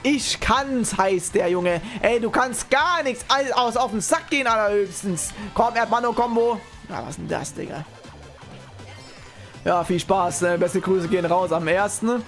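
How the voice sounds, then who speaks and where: A male streamer giving live commentary on a racing game, chatting with viewers and swinging from low mutters to high-pitched yells. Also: a little slow, soft background music. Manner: chatty, greets and answers viewers. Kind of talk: live gameplay commentary and chat reading.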